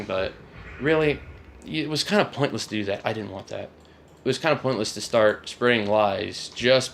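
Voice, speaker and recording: A man's voice: on the low side, fairly bright tone, slight background noise. Rambling young man telling a story. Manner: rambling, self-correcting, shrugging off. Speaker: vlogger. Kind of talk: casual storytime rant.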